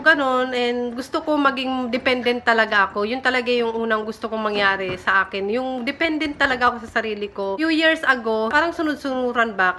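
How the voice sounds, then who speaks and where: A woman's voice: a little high, sharp tone, slight background noise. A young woman from the Philippines casually chatting on her home vlog, giggly and self-teasing as she reads viewer comments. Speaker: vlogger. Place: home room in Japan. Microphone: phone camera.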